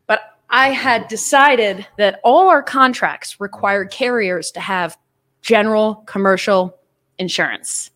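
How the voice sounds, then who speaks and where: A woman's voice: medium pitch, a little slow, fairly bright tone. A woman hosting a casual panel chat, telling stories with frequent laughs and some swearing. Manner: laughing, swearing, chatty storyteller. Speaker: host.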